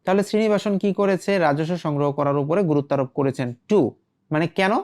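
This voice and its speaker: A man's voice: a little high, quick pace, darkish tone. A man teaching an English lesson, reading English phrases and explaining them, often asking himself questions and answering them. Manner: reads English phrases then glosses them.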